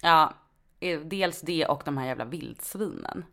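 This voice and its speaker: A woman's voice: low voice, expressive, creaky, a bit bright. A woman with a Stockholm accent telling stories in casual, informal, slangy conversation as a podcast co-host. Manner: informal, sweary, slangy speech. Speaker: nurse.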